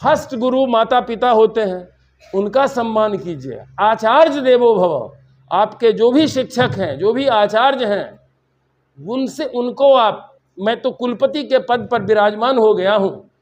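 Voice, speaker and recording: A man's voice: sits high, animated, measured pace. An older man from Bihar, a university vice-chancellor, giving a rambling, story-filled seminar speech and slipping into English phrases. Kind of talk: public lecture speech.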